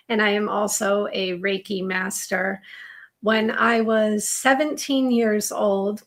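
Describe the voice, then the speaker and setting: A woman's voice: mid-range voice, fairly bright tone. A woman tarot reader talking casually on a live stream, with her voice slightly giving out.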